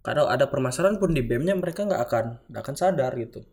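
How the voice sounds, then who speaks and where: A man's voice: mid-range voice, animated, very fast, creaky, darkish tone. A young man, a student organization leader, answering interview questions in a rambling way, full of filler tags. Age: young adult.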